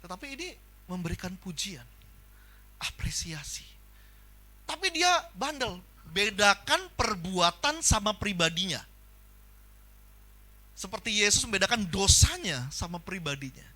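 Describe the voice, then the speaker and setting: A man preaching a sermon in a church, talking with animation and acting out the people he quotes in loud bursts. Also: high-pitched, big pitch swings, unhurried, pauses often. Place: church hall.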